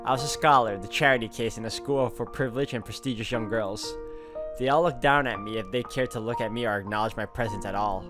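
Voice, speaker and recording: A man with a fairly low voice reads a visual novel aloud at a quick pace as a playthrough, tossing in wry, casual asides. Music plays behind him.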